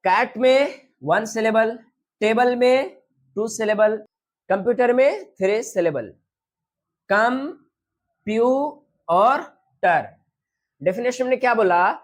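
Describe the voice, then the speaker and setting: A woman teaching a lesson, reading English definitions slowly and then explaining them quickly in Hindi. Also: on the high side.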